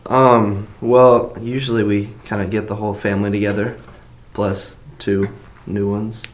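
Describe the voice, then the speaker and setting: Teen boy student, relaxed and monotone, short replies. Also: on the low side, unhurried, roomy sound. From Atlanta, Georgia. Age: teens. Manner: laid-back, brief answers. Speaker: student guest.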